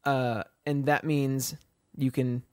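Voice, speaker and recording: A man's voice: mid-range voice, little pitch movement, slow, a little mellow, no room sound, studio quality. A young man co-hosting a writing podcast, talking casually with a self-deprecating, rambling manner. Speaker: podcast co-host.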